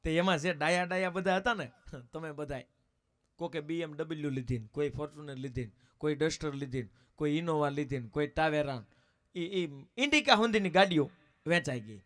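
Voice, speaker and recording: Guy doing folk comedy, high voice, quick jokey storytelling. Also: a bit bright. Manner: brisk anecdotal joke-telling.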